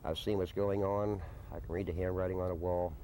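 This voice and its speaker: This low, mellow-voiced American man, a desert camp resident, speaks plainly with a flat delivery and a slightly fast pace. He's giving unscripted answers in a documentary interview at the informal camp, captured on noisy early 1990s field video.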